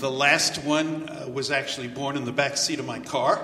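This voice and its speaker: An older American man preaching with jokes, pausing for an interpreter in a church. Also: medium pitch, fairly even intonation, bright, forceful tone. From United States. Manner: joking, pausing for translation. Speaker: visiting preacher. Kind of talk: sermon with live interpreter. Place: large church hall. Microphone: handheld or headset mic, walking about. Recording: echoey church hall, faint ambience.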